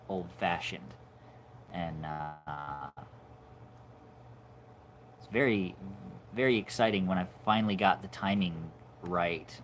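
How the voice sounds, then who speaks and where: Low-voiced man musing on a livestream. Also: slight background noise. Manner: halting, musing, trails off softly. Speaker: animator hosting a livestream. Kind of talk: casual livestream chat.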